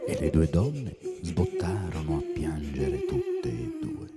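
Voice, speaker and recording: A man narrating a folk tale in a lively, theatrical storytelling manner. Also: lowish voice, slow. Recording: loud music behind.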